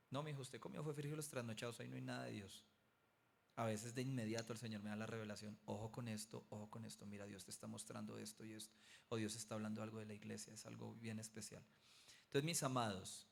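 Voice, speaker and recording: A man, a pastor teaching a theology class and telling personal stories in a lively, preaching manner. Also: mid-range voice. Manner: animated storyteller, acts out voices, rises to near-shouting at peaks. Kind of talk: preaching-style lecture with personal testimony.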